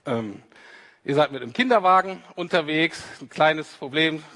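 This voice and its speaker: A man's voice: fairly high pitch, lively intonation, normal speed, pushed and bright. A man giving a conversational sermon, speaking straight to his listeners and acting out the quoted lines. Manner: conversational, addresses listeners directly, acts out quoted speech. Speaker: preacher. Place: church hall. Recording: reverberant hall.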